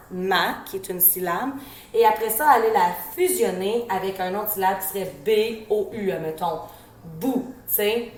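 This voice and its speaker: A woman with a Québécois French accent, an educator giving parents reading tips in a casual teaching tone, slowly sounding out letters and syllables. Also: mid-range voice, roomy sound. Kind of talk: informal instructional talk.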